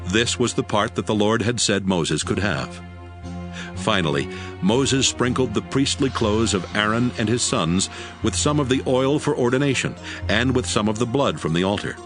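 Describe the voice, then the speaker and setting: For an audiobook, a man with a low-leaning voice reads scripted scripture narration in a measured, solemn manner while music plays in the background.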